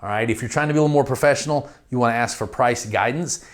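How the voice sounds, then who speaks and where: A man's voice: mid-range voice, fast. A middle-aged man giving a training lecture on real estate investing, talking directly and conversationally and acting out phone calls to realtors.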